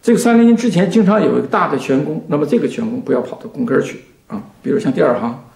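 A man teaching violin, speaking slowly and patiently to a student, his sentences trailing off softly. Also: on the high side, expressive, gravelly. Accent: Mandarin Chinese. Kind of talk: explaining to a student in a lesson. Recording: echoey room with violin playing.

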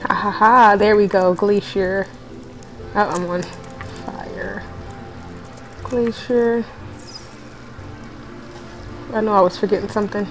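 A woman gamer with the hiccups gives casual, rambling commentary while she plays, laughing and cursing at her mistakes. Her voice sits in a middle pitch, and her words come slowly. Faint game music plays behind her. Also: fairly even intonation. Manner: laughs often, swears freely, talks to herself. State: has the hiccups. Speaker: let's play gamer. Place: at home with others nearby.

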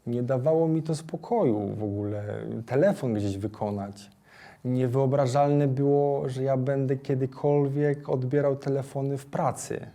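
A man's voice: mid-range voice, a little slow, mellow. A young man speaking earnestly and matter-of-factly in a documentary interview.

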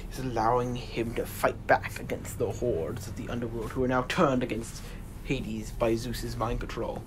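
A man's voice: medium pitch, level tone, moderate pace. A man narrating a homemade fantasy adventure story as its storyteller. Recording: noisy homemade recording.

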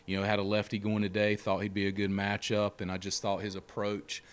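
A man's voice: on the low side, monotone, a little fast, clean tone. A middle-aged man, a head baseball coach at a postgame press conference, talking plainly and steadily with many fillers into a handheld mic. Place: press room before a sponsor backdrop. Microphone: handheld mic held close.

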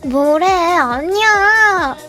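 A young woman streaming live, chatting with her viewers in a flustered, excitable rush of protests. Her voice sits very high and leaps all over the place. Clear background music plays beneath her words. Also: drawn-out words. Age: 20s. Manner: animated, flustered and protesting, shouting and laughing. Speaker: livestreamer. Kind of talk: casual chat with viewers. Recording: music playing behind the voice.

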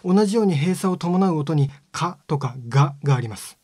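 A man giving a scripted lesson on speech sounds, explaining step by step in a calm, polite way. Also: on the high side, fairly quick, breathy edge, dry recording, studio quality. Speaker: phonetics teacher.

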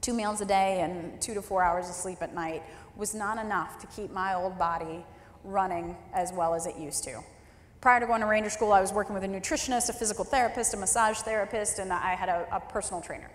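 A woman in her thirties delivers a keynote, telling a personal story in a candid, wry and emphatic way. Her voice sits at an ordinary pitch. It carries through a large hall with a long, roomy reverb. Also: fairly quick. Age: 30s. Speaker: keynote speaker. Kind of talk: storytelling speech. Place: large hall at a leadership forum.

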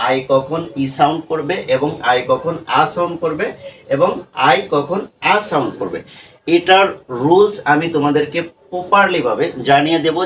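A man's voice: a little high, a bit bright. A man teaching an English lesson who keeps asking his students questions and answering them himself, often ending with "right?". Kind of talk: classroom-style spoken lesson. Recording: distant mic with faint room noise.

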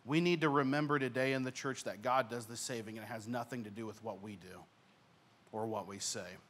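A young pastor preaches a sermon from a church stage, speaking earnestly into a handheld mic with a mid-range voice at a brisk pace. He grows louder on key points and softens at the ends of his phrases.

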